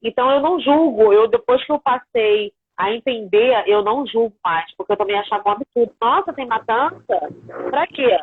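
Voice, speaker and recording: Brazilian female host, husky voice, dry phone-quality audio. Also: a little high, fairly quick, few pauses, no echo. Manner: earnest, conversational, quoting family. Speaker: host, spiritual house leader. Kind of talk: live-stream conversation. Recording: tinny phone-like line.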